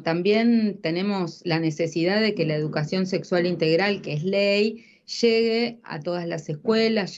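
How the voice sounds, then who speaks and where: A woman's voice: mid-range voice, a little mellow. A middle-aged woman with an Argentine accent hosts a radio interview from a room by large windows, formal and inquiring as she asks her questions. Her voice sits mid-range and comes through dull and lo-fi. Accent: Argentine Spanish. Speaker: radio show host. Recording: dull lo-fi stream audio.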